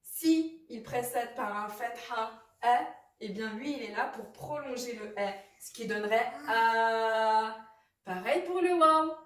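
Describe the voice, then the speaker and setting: Slow, patient woman teaching reading. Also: on the high side, animated, reverberant, recorded from a distance. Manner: patient, repeats sounds slowly with examples. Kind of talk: explaining lesson.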